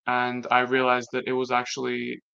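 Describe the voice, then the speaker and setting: A young Latvian man, a native Latvian speaker, appears as a guest in a casual conversation, reflectively recounting personal experiences in a halting way with many restarts. His medium-pitched voice is monotone, creaky, pushed and bright with a clean tone, though the recording sounds dull and lo-fi.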